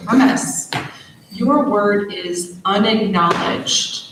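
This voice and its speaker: A woman acting as a spelling bee pronouncer, reading out each word and its definition in a measured, formal way. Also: mid-range voice, noisy background. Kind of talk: reading words and definitions aloud. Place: large echoey hall or auditorium. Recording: echoey hall recorded from far off.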